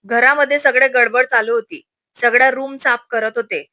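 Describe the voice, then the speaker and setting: Woman storyteller, steady narration, bright voice, dry recording. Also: a little high, moderate pace, no room sound.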